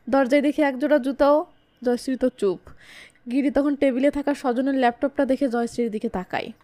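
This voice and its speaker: A woman with a high, light voice tells a film's story as a recap narrator. She reads every character's lines in her own voice, keeping the storytelling lively.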